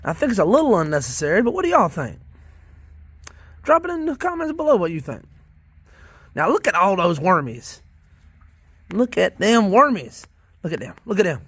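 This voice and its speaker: A man's voice: high-pitched, wildly swooping pitch, fairly quick, pauses often, a bit bright, slightly rough, no echo. A man with a Southern American accent chatting casually to viewers in a vlog about his worm bins, rambling and repeating himself in a folksy way. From Southern United States. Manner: repeats phrases, restarts often. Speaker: worm farmer vlogger.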